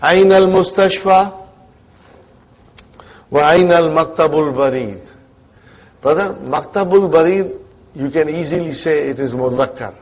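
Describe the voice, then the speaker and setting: Male language teacher, slightly high husky voice, slow classroom dictation with frequent comprehension checks. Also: a little mellow, rough recording. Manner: repeatedly checks understanding with short questions. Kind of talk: slow lesson dictation, reading phrases out and translating for students.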